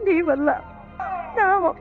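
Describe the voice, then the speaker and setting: A shamed mother pours out her grief in long, anguished laments. Her voice sits very high. The TV serial audio is thin and tinny, with music underneath. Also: takes it slowly. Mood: bitter grief. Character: grieving middle-aged mother, proud and shamed. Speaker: mother of a son accused of theft. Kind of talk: TV serial acting.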